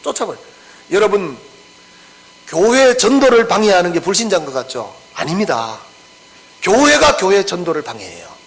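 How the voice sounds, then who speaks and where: A man's voice: sits high, very animated, moderate pace, a bit bright, poor audio. A pastor preaching an expository sermon. He acts out the scripture quotes and keeps asking the congregation questions.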